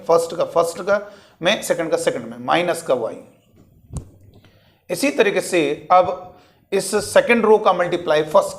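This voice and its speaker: A man teaching maths to exam students, working through a problem step by step and asking and answering his own questions, with spoken. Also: on the high side.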